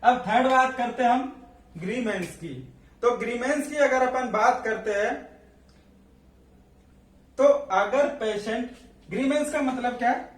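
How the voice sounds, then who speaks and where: A man's voice: very high voice, measured pace, long pauses. A man teaching a nursing class as a lecture, asking questions and then answering them himself. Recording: echoey room, voice from a distance.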